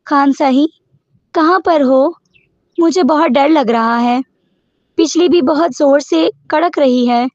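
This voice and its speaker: A woman's voice: high-pitched, darkish tone, no echo, lightly acted. A woman reading the lines of a stubborn, childish young woman who pouts and pleads, in a dull lo-fi recording. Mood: pleading. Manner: pouting, pleading.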